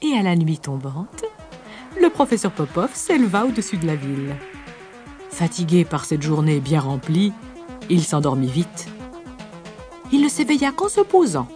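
A woman narrating a children's storybook with a gentle, expressive read-aloud manner. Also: on the low side.

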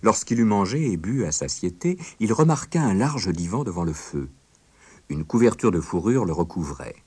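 A man narrating a fairy tale in an expressive, dramatic reading. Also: low voice, moderate pace, breathy edge. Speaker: storyteller.

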